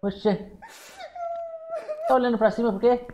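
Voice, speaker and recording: A man with a Brazilian accent giving excitable commentary on a horror game, exclaiming and talking back to the characters on screen. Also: very high voice, normal speed, highs cut off, background noise. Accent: Brazilian Portuguese. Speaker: gameplay streamer.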